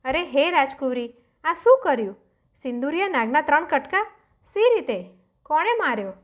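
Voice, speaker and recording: A woman's voice: fairly high pitch, animated, moderate pace, a bit bright. A woman voicing a dutiful young king in a folk tale reading, speaking with dismay and reproach.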